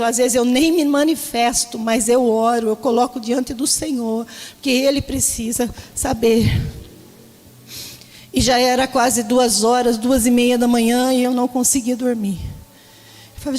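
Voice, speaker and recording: A woman's voice: on the high side, darkish tone, in a large hall. A woman pastor preaching a sermon, telling an emotional personal testimony and often turning to address the congregation directly. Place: church.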